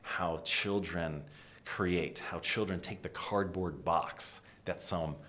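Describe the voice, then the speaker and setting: A middle-aged design executive from New England, an American, gives an animated conversational interview, dropping to a whisper for emphasis. His voice is low-pitched and he takes it slowly.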